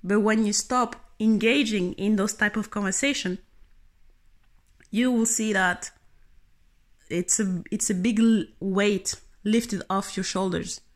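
A woman's voice: medium pitch, slow pace. Earnest woman giving a motivational talk. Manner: earnest, animated, speaks directly to the listener. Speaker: tennis coach.

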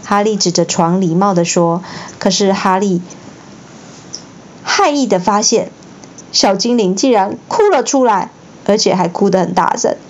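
A mother reading a bedtime story aloud at home, expressive, with the odd slip and restart. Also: medium pitch, measured pace, pauses often, lo-fi sound, a little hiss or hum. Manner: expressive, occasional slips and restarts. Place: home, indoors.

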